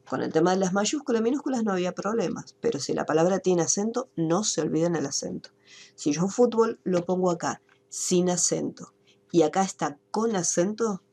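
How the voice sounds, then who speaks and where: A woman's voice: on the low side, mellow, slight background noise. A woman teaching a spreadsheet class online, explaining step by step and asking herself questions before answering them. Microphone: computer mic on a video call.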